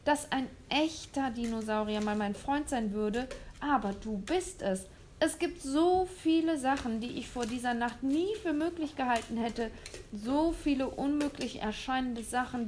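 A woman's voice: fairly high pitch, animated, a little mellow, slight background noise, natural voice. Woman voicing an earnest young boy. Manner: earnest, slow and heartfelt.

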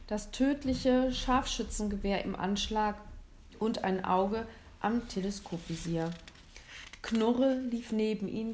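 A woman narrating a children's audiobook with lively, expressive storytelling. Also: mid-range voice.

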